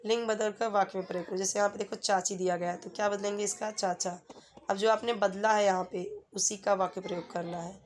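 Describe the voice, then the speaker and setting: A woman's voice: medium pitch, steady tone, brisk, a little hiss or hum. A woman teacher, patiently walking students through a workbook lesson with everyday example sentences. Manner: patient, repeats "ठीक है" often, gives everyday example sentences.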